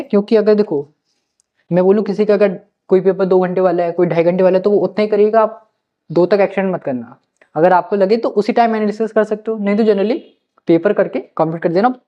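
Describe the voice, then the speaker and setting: In a slightly muffled lo-fi recording, a man's high-pitched, somewhat mellow voice gives students advice on planning their studies. As their teacher, he gently coaxes them and keeps coming back to his main points.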